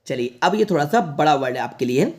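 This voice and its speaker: A man leads an online lesson aimed at students. He reads each word slowly and repeats it several times. He keeps reassuring the viewers, who he calls children. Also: on the high side, lively intonation. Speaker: English teacher.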